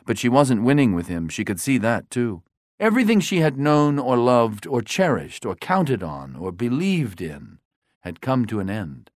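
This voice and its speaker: A man reading a dramatic story aloud as narrator, with a measured delivery that drops low on dialogue tags. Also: no room sound, clean studio sound.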